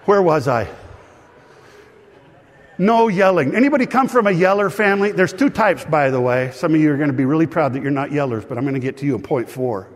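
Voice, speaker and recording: Husky pastor preaching in a large hall. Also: male voice, fairly high pitch, fairly quick. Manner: lively, joking with the congregation. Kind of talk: sermon.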